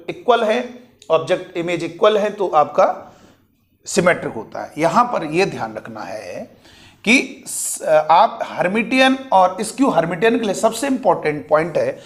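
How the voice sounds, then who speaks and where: A man teaching maths to exam students, working through a problem step by step and asking and answering his own questions, with spoken. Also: high-pitched.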